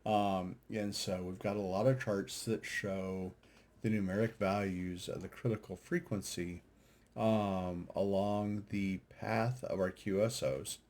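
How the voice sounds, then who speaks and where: This man's deep voice is steady and a little mellow, with a measured pace. He's an amateur radio operator and video host talking casually through data charts on screen, unscripted, hesitant, reasoning aloud as he goes.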